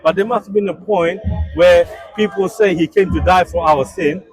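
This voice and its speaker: A man with a notably high voice argues animatedly in a heated debate, leaning on repeated "listen" and "right?". Faint music plays under the talk. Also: normal speed, husky.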